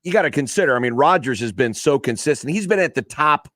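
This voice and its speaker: A male podcast host talks sports with a lively, swinging pitch, teasing his guest in easy banter. The recording is dry and close, with no room sound. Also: quick pace, no echo. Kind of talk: casual podcast conversation.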